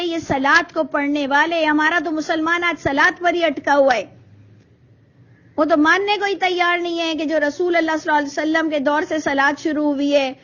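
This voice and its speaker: A woman gives an online Quran commentary class in a high voice. She speaks earnestly and preaches, asks her students rhetorical questions and drops in English words. The video call audio sounds a little muffled. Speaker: Quran teacher.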